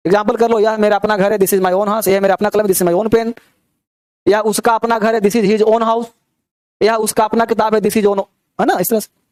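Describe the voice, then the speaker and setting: A man's voice: high voice, little pitch movement, normal speed, a little mellow, dry recording, studio quality. A young man teaching a grammar class, drilling pronunciation and checking in with his students. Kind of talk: classroom lecture.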